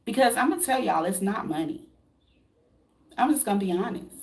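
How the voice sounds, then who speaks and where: With an animated, mid-range voice and a slightly fast delivery, a woman vlogger in her late thirties from the US gives a blunt motivational talk to camera. She preaches through rhetorical questions and swears casually.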